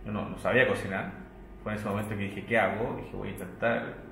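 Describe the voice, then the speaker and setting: Low-voiced Chilean man raised in Mexico, chatting. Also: steady tone, quick pace, gravelly, a little hiss or hum. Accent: Mexican Spanish. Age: 30s. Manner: thoughtful, hesitant, with restarts and soft laughs. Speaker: chef. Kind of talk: relaxed sit-down interview. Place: indoor restaurant with wooden shelves. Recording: echoey room with faint ambience.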